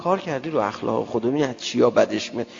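A male preacher giving an emphatic sermon to a gathering, firing rhetorical questions at the audience and swinging between loud outbursts and soft asides. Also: medium pitch, animated, creaky. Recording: dull lo-fi sound with long hall reverb and faint music.

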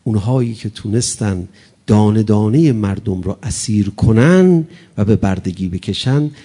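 A man giving an impassioned mourning sermon, pleading with the congregation and swinging between loud exhortation and hushed lament. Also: lowish voice, animated. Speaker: preacher.

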